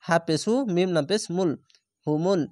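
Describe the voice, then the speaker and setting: A man with a high voice teaches Quran reading. He spells each syllable and then stretches out the recited word. The sound is dry and close, with no room echo. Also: fairly quick.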